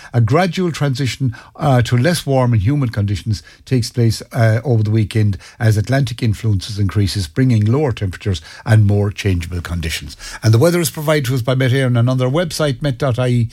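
A man's voice: medium pitch, dark tone, no echo, studio quality. An Irish man presenting on radio, reading forecasts and programme links with some hesitant stumbles. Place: dry radio studio.

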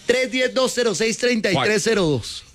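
A man's voice: extremely high pitch, expressive, normal speed, fairly bright tone, faint music behind. A man with a Colombian accent hosting a live radio call-in show about football in an exclamatory, celebratory way. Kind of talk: excited live sports call-in chat.

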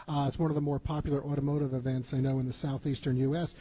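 A man's voice: mid-range voice, flat delivery, fast talker, warm tone, breathy edge. A man hosting a radio travel show, chatty and upbeat, with frequent fillers. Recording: music bed behind voice.

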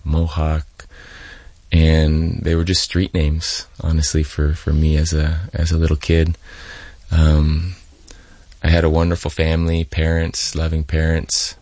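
A man's voice: rumbling low, darkish tone, no echo. A middle-aged man from California, answering interview questions casually and hesitantly in a studio. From California, USA. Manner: hesitant, with many ums and you-knows. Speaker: guest.

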